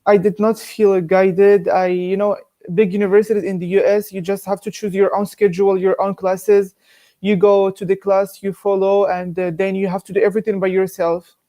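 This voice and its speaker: A man's voice: high voice, little pitch movement, moderate pace, warm tone. A young man from Morocco, an engineering student answering interview questions hesitantly, with many fillers.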